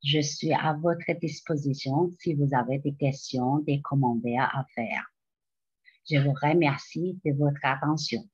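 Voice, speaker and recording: Slow, careful Chinese-born woman teacher. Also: deep voice, darkish tone, breathy edge, muffled recording. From China. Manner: slow, careful delivery to parents. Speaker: Mandarin teacher. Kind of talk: recorded school presentation. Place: small room indoors.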